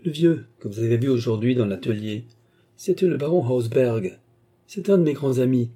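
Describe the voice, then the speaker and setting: A man reading aloud, voicing a cheerful, teasing male painter in a husky, dark voice. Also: mid-range voice, expressive, normal speed, close to an everyday voice. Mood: amused. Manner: breezy, teasing.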